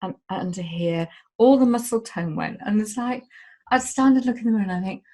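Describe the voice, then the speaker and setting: A woman's voice: a little high, a little fast, dark tone. Emotional woman, candid and sweary. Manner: emotional, heartfelt, swears casually. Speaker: guest. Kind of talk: candid conversation.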